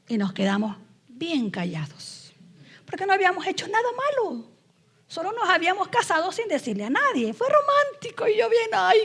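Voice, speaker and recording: A middle-aged woman from Ecuador giving a lively personal testimony in a church sermon, acting out quoted voices as she tells the story. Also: very high-pitched.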